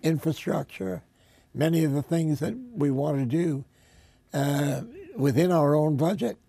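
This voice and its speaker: An older man hosting a TV interview, hoarse today, asking measured, unhurried questions. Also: on the high side, mellow. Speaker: host.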